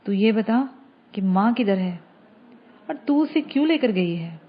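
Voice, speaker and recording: A blunt, short-tempered young man from an audio novel, read by a woman. The voice is husky, raised a little, and the audio is somewhat dull. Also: medium pitch, animated, natural voice. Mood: worried. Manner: angry, blunt. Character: young man, hot-tempered and protective son.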